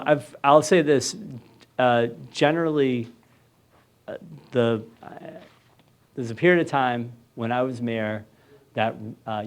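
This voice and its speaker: A man, the mayor, speaking informally to residents at a community meeting, halting with many fillers and restarts. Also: mid-range voice, darkish tone. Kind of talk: informal public meeting remarks.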